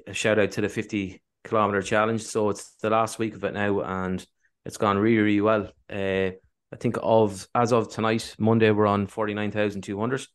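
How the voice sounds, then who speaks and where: A man's voice: on the low side, level tone, normal speed. An Irish man co-hosting a podcast in casual, rambling, self-deprecating chat. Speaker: podcast co-host.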